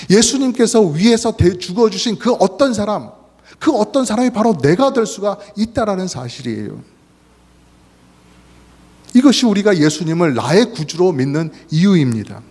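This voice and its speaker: A man's voice: high-pitched, a little mellow, breathy edge. A man preaching a sermon as a pastor, earnest, with swells of emphasis. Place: church sanctuary. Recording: long hall reverb.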